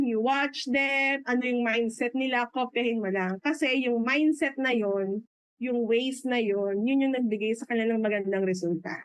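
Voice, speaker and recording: A woman's voice: high-pitched, a bit bright, no room sound. A middle-aged Filipino woman giving a motivational business talk. She mixes in English, laughs often, and acts out quoted people. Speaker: business mentor.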